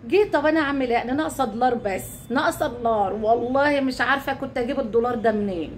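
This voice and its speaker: Egyptian lady vlogging to her fans, talks fast and high, swears oaths, calls everyone dear. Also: slight background noise. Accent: Egyptian Arabic. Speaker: YouTube channel host. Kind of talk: casual talk to viewers.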